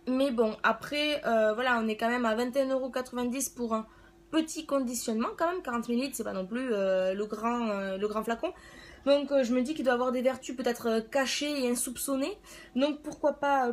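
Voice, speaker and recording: A woman's voice: a little high, fairly quick. A woman giving a casual product review as a beauty vlogger, chatting in a hesitant way as if thinking aloud.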